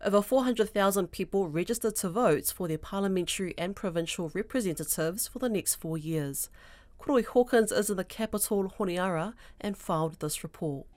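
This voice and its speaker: A woman's voice: medium pitch, a little fast, darkish tone. A woman presenting scripted radio news in a studio.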